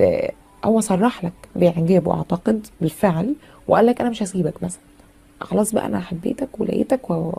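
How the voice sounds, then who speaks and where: A woman's voice: medium pitch, vocal fry, mellow, slightly rough. A woman with an Egyptian Arabic accent giving a chatty, casual tarot reading full of fillers and teasing asides. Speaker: tarot reader.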